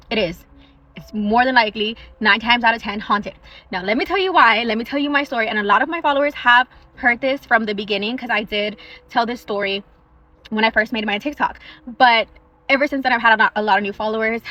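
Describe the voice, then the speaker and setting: A young woman in a parked car telling a true story in a chatty, animated way, eating on her lunch break. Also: on the high side, lo-fi sound. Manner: chatty and animated, eating while she talks. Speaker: social media storyteller.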